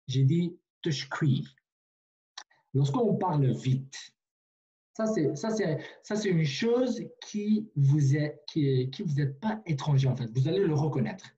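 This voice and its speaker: A man's voice: a little high, animated, a little slow, dark tone, dull audio. A man teaching a language online in a patient way, repeating himself with many fillers and restarts, over a video call.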